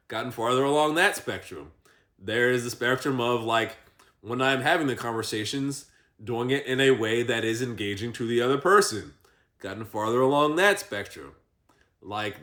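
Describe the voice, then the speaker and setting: A man talking through his personal growth in a reflective vlog monologue, thinking aloud and pausing often on fillers. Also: mid-range voice, a bit bright. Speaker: vlogger.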